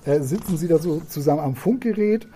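A man's voice: a little high, lively intonation, fast, warm tone. A man presenting a book on a podcast in casual chat, hesitant and full of fillers, and enthusiastic about it. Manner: hesitant, with many fillers and restarts.

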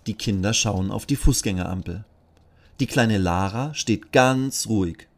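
A man narrating a children's audio story in a lively storytelling manner. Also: mid-range voice.

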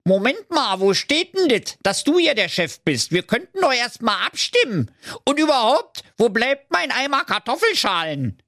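A man's voice: very high-pitched, sing-song, moderate pace, bright, forceful tone, no echo, clean studio sound, pitched above the performer's own voice, exaggerated voice. Man doing a sulky greedy pig. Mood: stubborn. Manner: sulky, whining. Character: sulky greedy pig wanting potato peels.

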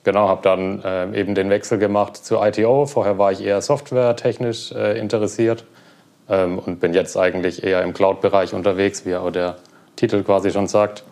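A young man being interviewed, talking relaxed about his work with many fillers. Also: on the low side, a little fast. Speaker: guest, cloud platform engineer. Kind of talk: casual interview.

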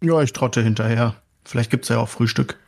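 Mid-pitched man in casual role-play. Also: fairly quick, gravelly. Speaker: tabletop game player.

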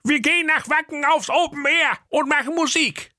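A pushy, bureaucratic donkey who insists he is in charge, put on by a man. The voice sits high and bright, with a close, dry sound. It belongs in a comic audio fairy tale. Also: normal speed, no echo, full character voice. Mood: bossy. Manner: bossy, impatient, bureaucratic. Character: bossy male donkey, laid-off railway crossing keeper.

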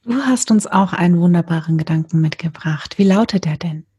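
A woman hosting her own podcast, welcoming a guest warmly and enthusiastically. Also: lowish voice, a little fast, breathy edge, no room sound, clean studio sound. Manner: warm, enthusiastic, effusive. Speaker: podcast host. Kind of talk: podcast interview.

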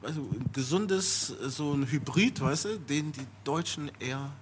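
A middle-aged man in a relaxed podcast conversation, speaking at an ordinary pitch. He talks loosely and keeps tagging his sentences with "you know", with a faint hiss behind him. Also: a little slow. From Stuttgart area, Germany. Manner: loose and chatty, leans on "you know" tags. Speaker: rapper guest.

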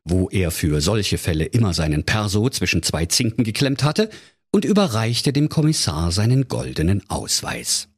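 A man's voice: fairly low pitch, big pitch swings, normal speed, slightly rough. A man narrating a comic fairy tale for children in a playful, mock-solemn storyteller's manner.

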